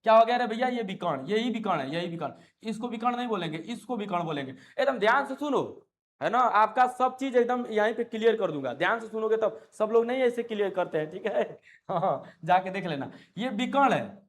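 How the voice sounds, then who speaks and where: High-voiced coaxing maths teacher man. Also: expressive, fairly quick. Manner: coaxing, repetitive, keeps asking students questions; calls students affectionate pet names. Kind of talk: Hindi-medium online maths lecture.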